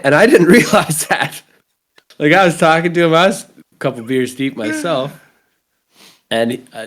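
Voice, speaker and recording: A man in his thirties with a Canadian accent, hosting a podcast and telling rambling, profane stories in casual chat. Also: mid-range voice. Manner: rambling, swears freely, lively storytelling. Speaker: podcast host.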